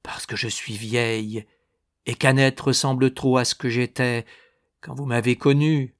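A man's voice: mid-range voice, fairly even intonation, a little slow, dry recording, clean studio sound, close to an everyday voice. A man reading aloud, voicing an aging woman who pleads desperately and falters through tears. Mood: tearful. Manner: breathless, faltering pleas.

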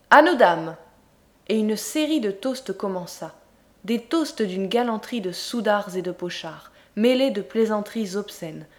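A woman's voice: mid-range voice, a little mellow. Woman reading a classic story aloud. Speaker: audiobook narrator. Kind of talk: dramatic literary narration.

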